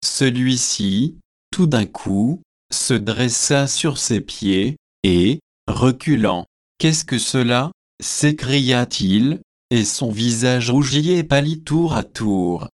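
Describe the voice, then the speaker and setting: A man narrating a novel as an audiobook in a slow, measured reading voice. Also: mid-range voice, expressive.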